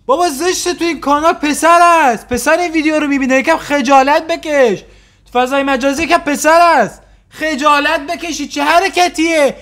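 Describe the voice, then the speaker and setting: A man hosting a reaction video, teasing and mocking the clips he plays with quick sarcastic retorts. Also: very high-pitched, sharp tone. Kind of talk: casual mocking commentary.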